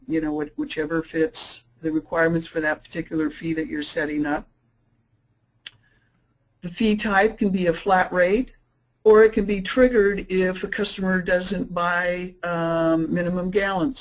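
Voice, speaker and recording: A woman presenting a software webinar, explaining features casually with frequent fillers and restarts. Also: fairly low pitch, poor audio. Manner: says she is talking too fast. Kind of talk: screen-share product demo.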